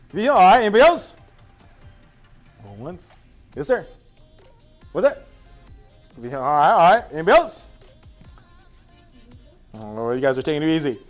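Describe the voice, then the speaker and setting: A man teaching a first-day class, telling stories to his students in an animated way with drawn-out asides. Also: high voice.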